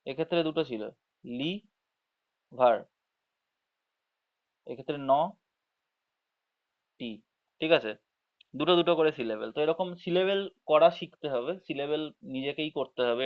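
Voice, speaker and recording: Patient man teaching an online class. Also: a little high. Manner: explains slowly, checks understanding with frequent tag questions; drawls words out syllable by syllable when demonstrating. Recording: dull lo-fi audio.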